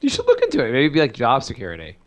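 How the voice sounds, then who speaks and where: Rambling, animated man telling stories. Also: medium pitch, rapid-fire. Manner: rambling, animated storytelling with lots of fillers. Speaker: podcast co-host; father of two small children. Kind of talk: casual chat.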